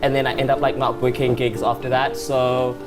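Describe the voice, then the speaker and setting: A man's voice: medium pitch, level tone, brisk. A man in his twenties from South Africa, a talk show guest who chats in a sassy, flamboyant way and laughs often. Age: 20s. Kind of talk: casual talk show chat. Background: background music.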